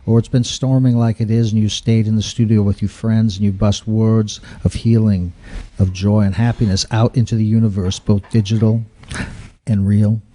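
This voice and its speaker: A man with a warm, mellow voice shares a reflective story on a podcast. He speaks in a musing, gently preachy way. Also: fairly low pitch, little pitch movement, moderate pace. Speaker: podcast co-host. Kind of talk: casual chat.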